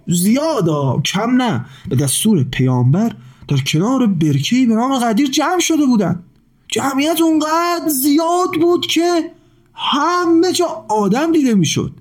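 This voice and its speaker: A man's voice: very high-pitched, lively intonation, pitched above the performer's own voice. A man voicing a shy young boy who stutters, repeating the first sounds of his words, in a children's storybook. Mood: proud.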